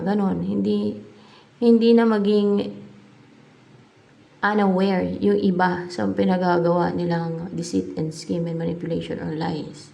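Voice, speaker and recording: A woman's voice: on the low side, vocal fry, highs cut off. A woman doing a casual tarot reading for her viewers, chatty and thinking aloud, slipping English words into her talk. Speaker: tarot reader.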